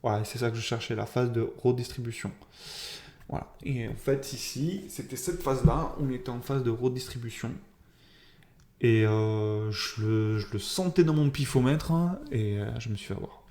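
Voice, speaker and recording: Male trader vlogger, slight lisp, self-critical and halting, dark even tone, echoey room. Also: medium pitch. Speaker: trader keeping a video diary. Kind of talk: informal spoken debrief.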